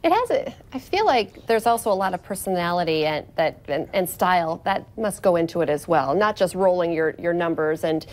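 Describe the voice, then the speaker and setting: A woman's voice: on the low side, animated, a little fast, few pauses, a little mellow. A woman hosting a casual interview, inquisitive and enthusiastic. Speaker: interview host.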